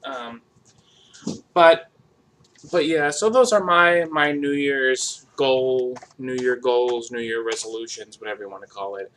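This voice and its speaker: A man casually chatting while cooking in his home kitchen, sounding low-energy and a bit sick with a dry throat, talking in a monotone full of fillers. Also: measured pace. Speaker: cooking vlogger. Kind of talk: casual cooking vlog chat. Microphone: camera across the kitchen.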